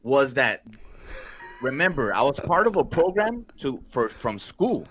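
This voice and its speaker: A man's voice: mid-range voice, big pitch swings, a little slow, a bit bright. A man telling stories in casual podcast chat, slangy, swearing freely and laughing at himself. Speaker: podcast co-host.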